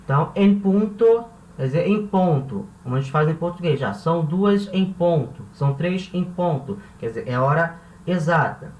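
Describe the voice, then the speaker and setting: A man from Brazil teaching a video language lesson, patiently repeating words slowly and checking in with his viewers. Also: fairly high pitch, expressive, a little mellow. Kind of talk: classroom-style video lesson. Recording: echoey room with faint ambience.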